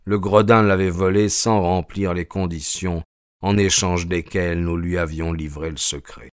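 A man reading an audiobook, narrating a first-person story in a measured, steady way. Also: low-pitched, clear, resonant tone, no room sound, studio quality. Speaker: audiobook reader.

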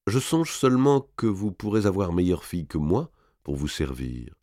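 A man reading an audiobook, voicing a young lady's maid who speaks with false gentleness and quiet spite. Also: sits low, big pitch swings, normal speed, no echo, clean studio sound. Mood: sly. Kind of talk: audiobook character voice.

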